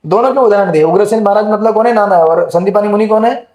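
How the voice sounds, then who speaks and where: A man teaches a scripture class in a chatty, questioning way, with a high voice for a man. His tone is mellow, and the hall gives it a roomy echo. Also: fast. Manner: conversational, asks the audience questions. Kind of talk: Gita class lecture. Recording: echoey hall.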